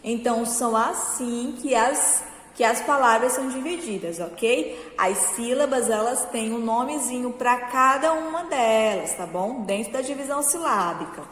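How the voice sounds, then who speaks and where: A woman teacher giving a slow, patient review lesson to children, often checking that they follow along. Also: on the high side, fairly bright tone. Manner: slow, patient, encouraging, checks understanding with "certo?". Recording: echoey room with long reverb.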